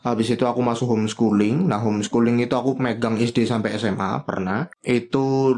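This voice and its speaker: A man hosting a casual podcast, asking relaxed, friendly questions and sharing his own teaching past. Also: medium pitch, brisk. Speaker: podcast host.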